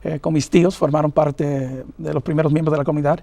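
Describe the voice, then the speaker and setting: Middle-aged guy preaching his testimony, rushes along, lots of uhs, pretty high voice, dry close sound. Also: steady tone, vocal fry, dark tone, no echo. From New York, of Puerto Rican parents. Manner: earnest, halting, many fillers. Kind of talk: personal testimony in an interview.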